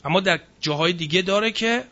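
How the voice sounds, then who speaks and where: Guy with a high bright voice giving a religious lecture, reads from a book then chats about it, dull lo-fi recording. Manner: reads from a book, then comments in casual speech.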